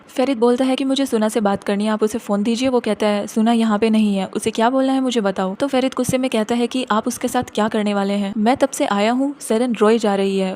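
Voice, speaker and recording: A woman's voice: on the high side, darkish tone. A woman narrating a drama episode in a casual storytelling recap, voicing every character's lines herself in her own voice and mixing English words into her talk.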